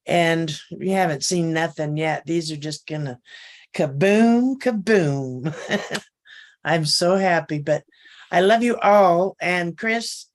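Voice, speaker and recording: A woman giving a rambling, excited, giggly testimonial on a video call. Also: fairly low pitch, slow. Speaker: company member on a webinar. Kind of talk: casual testimonial.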